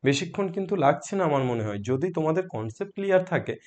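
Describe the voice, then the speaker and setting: A man with a sore throat teaching a math lesson softly, coaxing students with questions as he works problems. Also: a little high, expressive, racing. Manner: coaxing, asks students questions, mixes English math terms.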